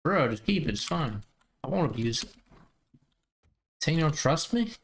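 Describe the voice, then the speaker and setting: Laid-back gamer guy with a lively voice. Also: on the high side, moderate pace, slight background noise. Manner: laid-back banter, laughs a lot. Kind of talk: casual multiplayer gameplay chat.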